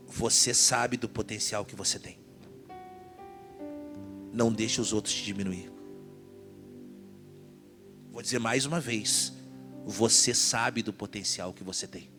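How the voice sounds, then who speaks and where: A man preaching a sermon with a southern Brazilian accent, swinging from hushed appeals to shouted commands to the congregation. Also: medium pitch. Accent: southern Brazilian Portuguese. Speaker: pastor.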